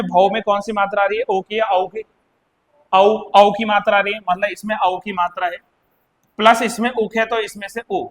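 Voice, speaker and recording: A man's voice: high-pitched, fairly bright tone. A man with an Uttarakhand Hindi accent teaching a live exam-prep class, explaining by repeating words and asking his students questions.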